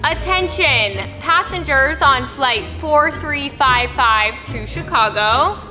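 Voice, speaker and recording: Give me a woman doing a businesslike airport announcer heard over a PA system, her high voice ringing through a long hall with music underneath. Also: lively intonation, takes it slowly. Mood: formal. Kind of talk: formal public announcement.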